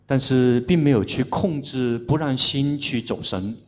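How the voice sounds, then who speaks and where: A man interpreting a meditation teacher's talk, speaking deliberately and searching for words as he renders each phrase. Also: medium pitch. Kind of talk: consecutive interpreting of a dharma talk. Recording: dull lo-fi recording.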